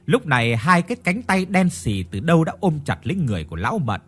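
A man narrating a horror story in a dramatic, expressive reading. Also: a little high, fast talker, slightly rough.

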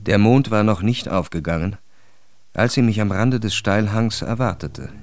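A man narrating a literary radio drama in a measured, calm storytelling voice. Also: fairly low pitch.

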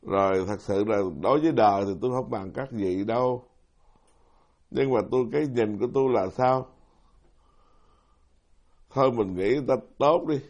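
A man's voice: mid-range voice, moderate pace, long pauses, darkish tone. A middle-aged man, a Buddhist monk giving a folksy, self-deprecating dharma talk who keeps putting questions to his audience. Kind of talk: sermon.

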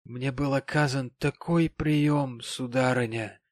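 A man voicing a tipsy, tearful, sanctimonious widowed gentleman, talking in a maudlin, slurred, pompous way in an audiobook. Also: mid-range voice, fairly even intonation, slow pace, no echo, clean studio sound, natural voice.

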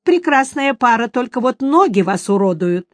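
A woman reading aloud voices a capricious, haughty mermaid with a high, trilling, mocking voice. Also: big pitch swings, moderate pace, dry recording.

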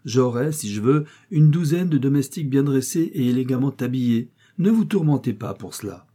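A man doing a testy old rich gentleman. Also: medium pitch, expressive, moderate pace, slightly rough. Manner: commanding and impatient. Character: old, ailing, irritable wealthy gentleman. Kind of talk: audiobook character reading.

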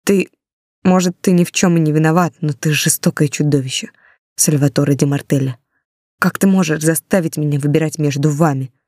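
A woman's voice: deep voice, a little fast, darkish tone, dry recording, studio quality. A woman reading an audiobook, voicing a desperate mother in a pleading, tearful way.

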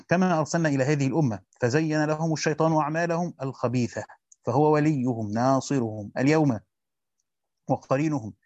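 A man with an Egyptian accent reads a Quran commentary aloud quickly as a teacher. He stops to explain grammar and quizzes his students. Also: a little high, darkish tone, no room sound. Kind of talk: fast classical Arabic reading with colloquial explanations. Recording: dull lo-fi dry recording.

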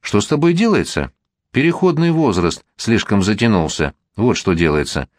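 An exasperated middle-aged mother lectures her teenage daughter in a stern, reproachful way, as a man reading the book puts her on. The voice sits low but swings a great deal in intonation. The recording is dry and close, with no room sound around it. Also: sing-song, moderate pace, no room sound. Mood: scolding. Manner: stern, reproachful, sharp-tongued. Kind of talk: audiobook character reading.

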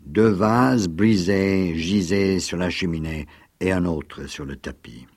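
Male narrator for literary reading, measured, low, dry sound. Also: no room sound. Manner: measured storytelling, hushed at times.

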